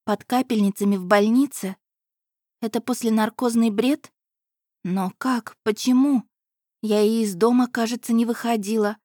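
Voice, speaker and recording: A woman's voice: on the high side, fairly even intonation, moderate pace, warm tone, no room sound, clean studio sound. A woman narrating an audiobook in the first person with a wry, sardonic tone.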